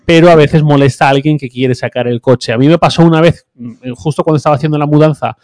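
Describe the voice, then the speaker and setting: Fast-talking man with many fillers. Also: fairly high pitch, steady tone, darkish tone, no room sound, studio quality. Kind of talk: casual podcast chat.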